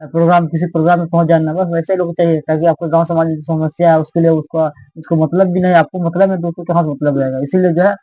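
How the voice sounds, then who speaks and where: A man's voice: fairly high pitch, little pitch movement, quick pace, few pauses, dry recording. A man giving casual political commentary, rambling and constantly asking his listeners "right?". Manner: rambling, keeps asking "ठीक है ना?". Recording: dull, lo-fi dry recording.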